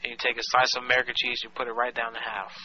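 A man's voice: mid-range voice, completely flat delivery, racing, a crowd in the background, lightly acted. A man doing a pushy prank caller. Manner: pushy, rambling, mock-offended. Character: brash late-night male caller claiming to be Samoan. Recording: dull lo-fi call recording.

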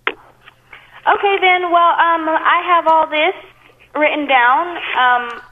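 A woman's voice: high-pitched, slow pace, slight background noise. A woman working as an apartment office receptionist, taking a call on speakerphone with a cave-like echo and answering politely and hesitantly with frequent ums. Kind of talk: phone call with a prankster. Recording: tinny phone line with cave-like speakerphone echo.

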